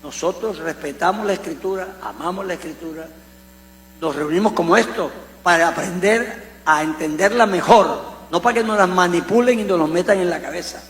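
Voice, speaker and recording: A man from Colombia, preaching a conversational sermon with animated storytelling and humorous asides. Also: high-pitched, moderate pace. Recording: echoey hall with mains hum.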